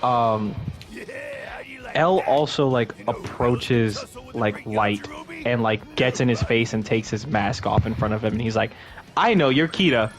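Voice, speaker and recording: A man's voice: fairly low pitch, fairly even intonation, unhurried, over music. A man in casual podcast chat, retelling a movie plot in a rambling, profane way and acting out the characters' lines. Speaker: podcast co-host.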